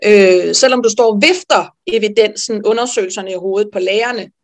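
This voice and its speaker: A woman midwife telling a personal story in an interview, lively and animated, with frequent fillers. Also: medium pitch. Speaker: midwife guest.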